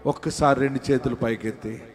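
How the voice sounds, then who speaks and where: A pastor preaching a fervent prayer sermon, voicing his listeners' pleas and swelling to shouts. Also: mid-range voice, fairly even intonation, a little fast. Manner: voices the listeners' pleas in pleading tones.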